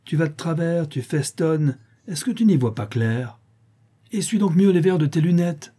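A man's voice: fairly high pitch, animated, normal speed, warm tone, breathy edge, voice pushed up. A man reading aloud and voicing a sly, taunting street boy. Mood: jeering. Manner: jeering, cheeky.

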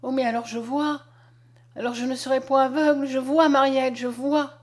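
A woman's voice: high voice, fairly even intonation, normal speed. Woman voicing a blind young man, earnest, pleading, storybook reading.

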